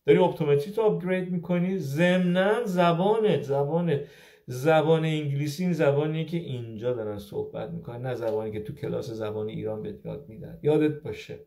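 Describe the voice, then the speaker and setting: Fifties guy from iran on a livestream, mellow voice, kinda high for a man, keeps repeating his point. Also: creaky. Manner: lively, rhetorical questions, repeats key points for emphasis. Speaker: optometrist sharing migration advice. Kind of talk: casual advice talk on a live stream.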